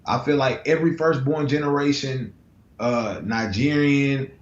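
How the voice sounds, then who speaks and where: Over roomy, dull, lo-fi video call audio, an American man who is a guest artist holds a casual conversation. His mid-range voice stays steady at a measured pace, though his slangy, laid-back speech is packed with fillers and restarts.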